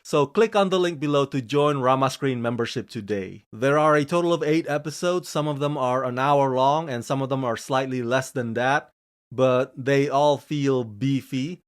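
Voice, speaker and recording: A man from Indonesia hosting his own channel, delivering a scripted series review with gushing, emphatic enthusiasm. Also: normal speed. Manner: gushing, emphatic delivery with frequent swings in pitch and pace. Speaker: film reviewer and channel host.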